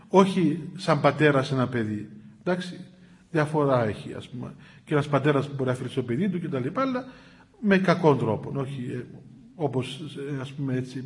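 A male Orthodox priest recounts a story to listeners in a conversational, animated manner. His voice sits a little high, climbs when excited and sinks low when sombre, and he fills pauses with frequent hesitations. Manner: conversational, animated retelling with many fillers. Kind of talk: storytelling talk.

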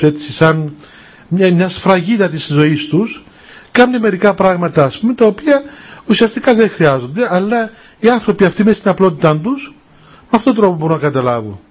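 A man, a monastic elder, giving a spiritual talk and telling stories with acted-out dialogue in an unhurried way. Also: a little high. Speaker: monastic elder answering questions. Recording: dull lo-fi recording.

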